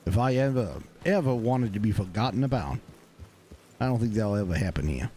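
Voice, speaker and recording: Man, roleplay stream, blunt and gruff, warm dark tone, faint hiss. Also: on the low side, lively intonation, a little fast. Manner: gruff, blunt, swears a lot. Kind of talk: in-character roleplay dialogue.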